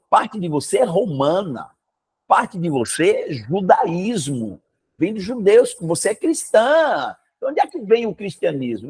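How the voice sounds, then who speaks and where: A man's voice: on the high side, husky. A man with a Brazilian Portuguese accent teaching one student over a video call, talking emphatically and asking rhetorical questions. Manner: emphatic and animated, exclaims and asks rhetorical questions. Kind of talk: casual one-on-one lesson.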